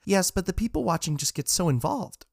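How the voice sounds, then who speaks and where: A man's voice: high-pitched, lively intonation, a little fast, creaky, husky, no room sound, clean studio sound, voice pushed up, heavily acted. Melly, a man doing a playful young woman.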